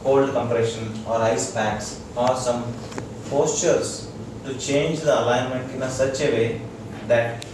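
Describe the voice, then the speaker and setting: A man with an Indian accent, playing a doctor, gives a casual wellness lecture to a small group, explaining haltingly and checking that listeners are following. His voice is medium-pitched and steady. He's recorded on a distant mic in a very echoey room with loud noise.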